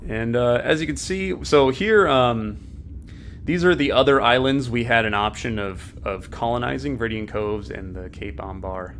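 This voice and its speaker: A man's voice: mid-range voice, normal speed, fairly bright tone, a little hiss or hum. A man giving casual, filler-heavy commentary while playing a city-building game. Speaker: let's play host. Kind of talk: gameplay commentary.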